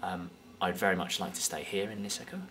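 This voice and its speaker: A man's voice: low voice, steady tone, fairly quick, background noise. A young man from the UK with an English accent, answering interview questions with a lot of hesitation and filler. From United Kingdom. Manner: hesitant, many fillers and restarts. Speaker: guest.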